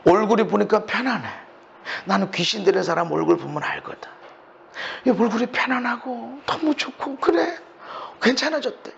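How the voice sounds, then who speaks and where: A male pastor preaching a sermon with a Chungcheong accent, swinging between loud shouted questions and hushed near-whispers. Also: sits high, gravelly, muffled recording. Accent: Chungcheong Korean.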